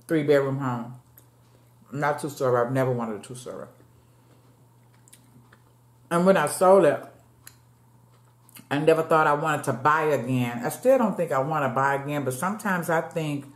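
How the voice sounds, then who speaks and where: A mukbang vlogger in her late fifties sits at a table in a dim room at home, eating and chatting casually with her viewers, whom she calls y'all. Her voice sits low and sounds roomy, picked up by a fixed camera across the table.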